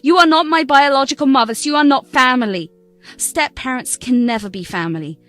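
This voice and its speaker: A woman voices a spoiled young bride snapping sharply at the people who raised her, her slightly high voice laced with scorn and swinging widely in pitch. She speaks a little fast while soft music plays faintly underneath.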